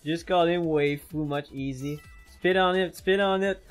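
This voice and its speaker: Casting note: a man as a fired-up game streamer, a bit high-voiced, ending every sentence with "man". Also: a little slow, soft background music. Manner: excitable, repeats "man" constantly. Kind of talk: live gameplay commentary.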